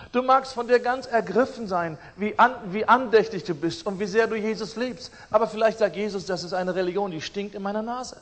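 High-voiced German preacher in a hall. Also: male voice. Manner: emphatic, swings between loud declarations and quiet asides. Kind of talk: sermon.

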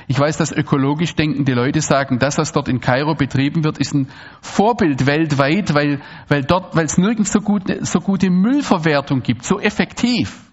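A Swabian man from Germany gives a public lecture at a normal pace, animated and digressive, restarting sentences and wandering into asides. His voice is a little high for a man, and the recording sounds dull and lo-fi.

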